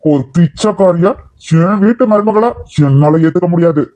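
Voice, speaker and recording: A man voicing a domineering, contemptuous middle-aged father in an animated cartoon, harsh and scolding. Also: high voice, moderate pace, narrow, tinny audio, lightly acted. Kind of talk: cartoon voice acting.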